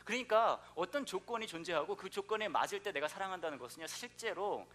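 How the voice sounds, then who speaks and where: A man's voice: high voice, lively intonation, fast, a bit bright. A young adult man preaching a sermon as pastor, a joking storyteller who acts out quoted voices.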